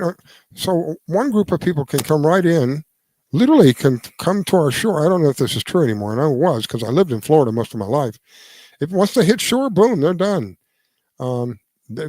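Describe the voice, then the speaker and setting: A man in his seventies giving his opinion in casual radio talk, earnest and halting, restarting his sentences as he goes. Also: on the high side, dry recording. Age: 70s. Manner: lively, swings between emphatic and quiet. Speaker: radio show host.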